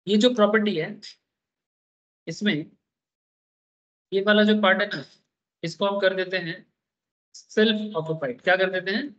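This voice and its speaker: A man teaches a tax class, drawing on a board and playfully quizzing students with repeated questions. His high, slightly bright voice stays fairly even at a moderate pace with long pauses, captured on a dull lo-fi recording.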